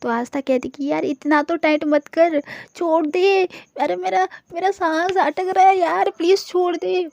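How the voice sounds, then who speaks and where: A woman voicing a young woman who calms and reassures her best friend. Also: on the high side, a little slow, dry recording, muffled recording. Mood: reassuring.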